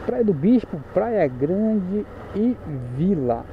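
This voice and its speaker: A man's voice: high-pitched, big pitch swings, slow pace. Chatty man with a Paraense accent, riding a motorbike. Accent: Paraense Brazilian Portuguese. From Pará, Brazil. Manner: chatty, jokey, corrects himself. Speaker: motorcycle vlogger. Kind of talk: casual chat while riding. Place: on a motorcycle in the street outdoors. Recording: muffled with loud road noise. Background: engine and traffic noise.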